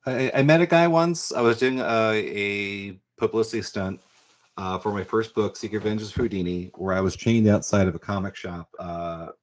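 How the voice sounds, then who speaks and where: A man's voice: on the low side, fairly even intonation, normal speed. A man, a guest illustrator telling chatty anecdotes in a podcast interview. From New York. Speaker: guest comic book illustrator. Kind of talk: casual storytelling in a podcast interview.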